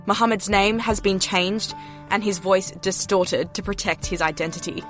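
A woman's voice: medium pitch, moderate pace, a bit bright, faint music behind. A woman news reporter, delivering scripted news narration.

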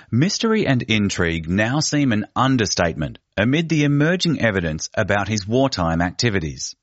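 A man narrates a written feature in a measured, deliberate way, his low voice rising and falling widely. The recording is dry and close, with a slightly dull, muffled tone. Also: no room sound. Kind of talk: scripted narration of a feature article. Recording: dull, muffled studio read.

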